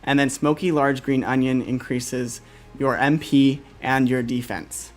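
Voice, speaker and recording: A man hosting a casual game livestream, upbeat and quick to laugh, with lots of fillers as he walks through weapon stats. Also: medium pitch, steady tone, faint music behind. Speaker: livestream host.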